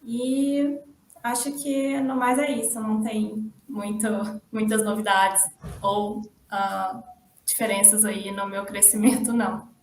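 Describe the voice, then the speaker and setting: A woman's voice: medium pitch, slow pace. Young Brazilian woman on an echoey call. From Formiga, Minas Gerais, Brazil. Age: young adult. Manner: relaxed, chatty, with small restarts and laughs. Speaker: guest engineer. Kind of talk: casual interview talk. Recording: echoey room, distant mic, faint noise.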